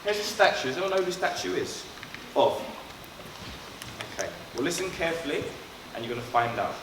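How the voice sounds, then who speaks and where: Born in Trinidad and raised in London, this man leads a school assembly, addressing pupils earnestly and directly. His fairly high voice swings widely in pitch and runs a little fast, and the recording is echoey, captured far from the mic in a school hall with background noise.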